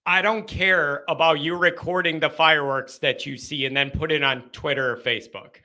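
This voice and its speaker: A young man hosting a live sports call-in stream, ranting casually with animated, exasperated mock outrage. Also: fairly high pitch, normal speed. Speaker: host of a sports call-in show.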